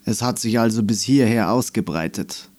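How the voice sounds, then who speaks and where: A man voicing a grumpy, gruff male not-unicorn creature who grumbles curt replies in a storybook. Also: fairly low pitch, normal speed, a little mellow, lightly acted.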